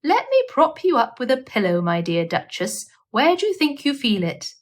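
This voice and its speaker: A woman voicing a prim, sensible lady animal hostess in a storybook, speaking in a proper, brisk and firm manner. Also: high voice, sing-song, pitched above the performer's own voice. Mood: concerned, practical.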